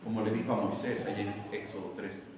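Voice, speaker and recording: A man's voice: on the low side, steady tone, quick pace, a little mellow, far from the mic, a little hiss or hum. A man preaching a sermon as pastor, emphatic and full of rhetorical questions. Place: church sanctuary. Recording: echoey church hall, voice from afar.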